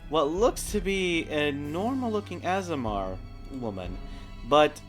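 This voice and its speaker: A man's voice: a little high, sing-song, a little slow, faint music behind. A man running a tabletop game, improvising narration of scenes as game master.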